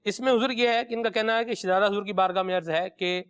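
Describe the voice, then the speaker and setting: A man's voice: high-pitched, steady tone, fairly bright tone, clear, resonant tone. A man hosting a religious call-in show, reading viewer messages and telling anecdotes in a respectful, affirming way. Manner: respectful, affirming, hesitant fillers when reading.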